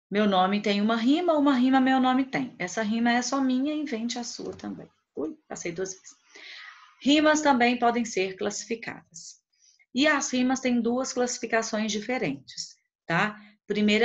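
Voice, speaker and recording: A woman teacher giving a poetry lesson, counting out the syllables of each verse slowly and one by one. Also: fairly high pitch. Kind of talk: online class on poetry. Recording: dull lo-fi recording.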